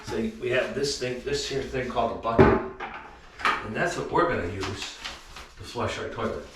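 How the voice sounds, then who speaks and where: A man's voice: lowish voice, slight background noise. A middle-aged man remodeling his house, rambling through dry, self-mocking jokes as he shows off a new toilet. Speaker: home remodeler. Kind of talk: casual joking vlog. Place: room of a house under remodel. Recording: echoey bare room, mic at a distance.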